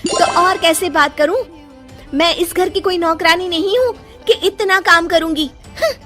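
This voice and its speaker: A woman's voice: sing-song, unhurried, faint music behind, full character voice. A woman voicing an upset young bride in a cartoon story, speaking through tears. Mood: defiant. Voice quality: high, tearful. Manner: sharp and defiant, then sobbing. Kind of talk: cartoon voice acting.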